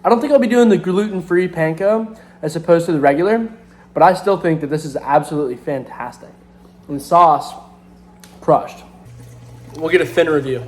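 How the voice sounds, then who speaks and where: A man's voice: a little high, normal speed. A young man hosting a casual cooking vlog in a home kitchen, upbeat and enthusiastic. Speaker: host.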